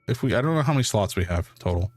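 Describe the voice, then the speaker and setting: A man's voice: on the low side, very fast, dry recording. Man reading a fantasy game aloud. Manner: playful, excitable, drops into hushed reading. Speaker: streamer playing a fantasy role-playing game. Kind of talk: casual gameplay commentary, reading game text aloud.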